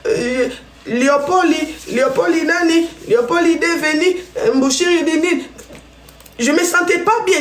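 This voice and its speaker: On a casual live stream, a Congolese host from the DRC talks straight to her viewers, chatty and full of stories. Her voice sits on the high side, and the room is echoey.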